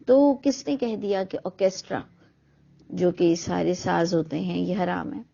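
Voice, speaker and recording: In a dull, lo-fi recording, a middle-aged woman speaks earnestly about religious questions, arguing her points with plenty of rhetorical questions in a reflective monologue. Her voice is fairly low, gravelly, and warm, with a breathy edge.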